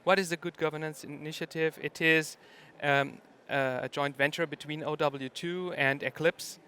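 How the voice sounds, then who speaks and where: A man's voice: fairly high pitch, fairly even intonation, normal speed, pushed and bright, slight background noise. A middle-aged man from Germany, giving a conference talk and hesitating often with ums and uhs. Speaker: conference speaker.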